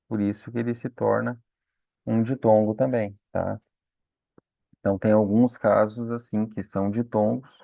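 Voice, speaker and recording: In a gravelly, fairly low voice, a Portuguese teacher delivers a patient grammar explanation, frequently pausing for "né?" and "tá?" check-ins with students. The sound is dry, lo-fi, and phone-like, free of echo.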